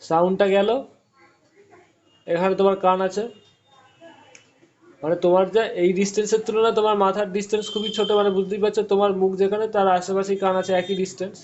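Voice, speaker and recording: Teaching physics over an online call, a man with a high-pitched, darkish voice explains each idea slowly, step by step, and quizzes his students as he goes. His tone stays level. The audio is dull and lo-fi, like a call line.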